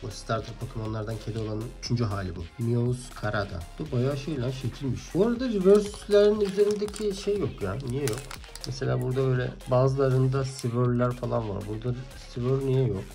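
A man hosting a card-opening video, chatting casually, reading card names under his breath and bursting into loud excitement at good pulls. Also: mid-range voice, creaky. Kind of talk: casual pack-opening commentary.

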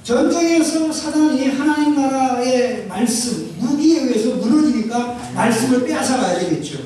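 A man preaching a sermon in short emphatic phrases, pausing for an interpreter, on a handheld mic in a church hall. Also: extremely high pitch, animated, warm tone, slight background noise. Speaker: pastor. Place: large church hall, indoors. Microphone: handheld mic, filmed by far camera. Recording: echoey hall from far off.

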